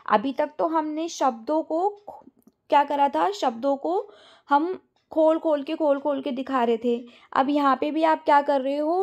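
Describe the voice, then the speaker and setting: A woman teacher explaining a lesson step by step, dropping in English words and drawing out the answer words slowly. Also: sits high. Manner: stretches out words slowly when reading answers. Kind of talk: online class lesson.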